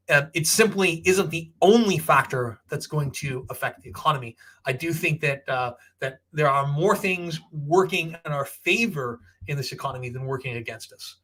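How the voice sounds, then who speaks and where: A man's voice: a little high, sharp tone. An American man hosting a casual question-and-answer talk, giving opinionated, off-the-cuff explanations and checking in with the listener as he goes. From Texas, United States. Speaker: host answering viewer questions on finance.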